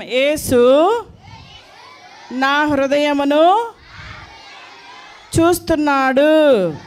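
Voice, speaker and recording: A woman teaching a class of young children at a church school, firm and coaxing, repeating her commands. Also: high-pitched.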